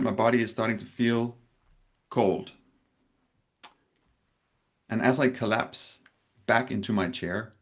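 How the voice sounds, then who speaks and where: Over a video call, a Danish man with a slightly low voice gives a live online conference talk. He tells a personal story carefully, pausing often and sounding a little nervous.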